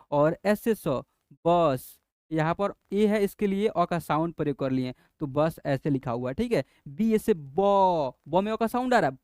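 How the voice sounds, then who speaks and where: A man's voice: sits high, darkish tone, smooth, no room sound, studio quality. A man teaching a spelling lesson to children, patiently repeating each point. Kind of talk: explaining a language lesson.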